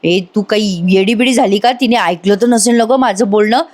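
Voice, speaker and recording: Nervous scheming uncle, woman reader, hushed, fidgety. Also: medium pitch, moderate pace, lightly acted.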